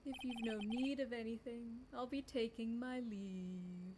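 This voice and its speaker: A woman's voice: fairly high pitch, steady tone, unhurried, background noise, close to an everyday voice. A woman voicing a courteous, servile hotel bellboy with a chirpy, formal, old-fashioned bellhop manner.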